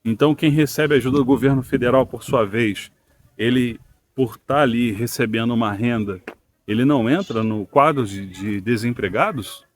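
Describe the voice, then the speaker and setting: A man's voice: medium pitch, moderate pace. A man with a Brazilian Portuguese accent hosting a channel, musing aloud to viewers with many "né" and "tá" fillers and frequent questions. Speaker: channel host. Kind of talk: casual opinion monologue to camera.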